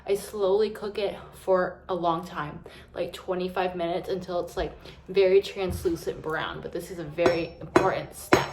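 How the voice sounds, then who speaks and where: A woman's voice: on the low side, background noise. A woman vlogger chatting casually while cooking at home, rambling with lots of fillers. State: teary from chopping onions. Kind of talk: casual cooking vlog chat. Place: home kitchen.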